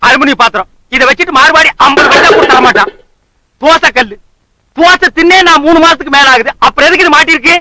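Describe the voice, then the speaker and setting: An actor playing a boastful, broke, drunken husband who trades sarcastic insults in a film comedy scene. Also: male voice, very high voice, fast, heavy background noise. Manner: sarcastic, mocking, loud insults. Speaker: comic actor.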